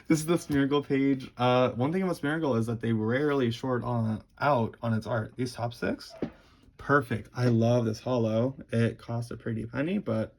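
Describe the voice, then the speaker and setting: Young guy w a lisp, raspy fry in his voice, rambly sweary hobby show and tell. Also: medium pitch, fairly even intonation, a little mellow. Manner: rambling, halting, enthusiastic wording. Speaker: card collector presenting a collection. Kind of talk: casual show-and-tell video, profane.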